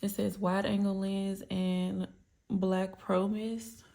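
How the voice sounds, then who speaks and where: A woman, a little sick, chatting excitedly to viewers as she unboxes a gadget, recorded on her phone. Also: medium pitch, slow pace, creaky. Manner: excited, gushing, keeps addressing viewers as y'all. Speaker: vlogger. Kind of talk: casual unboxing vlog.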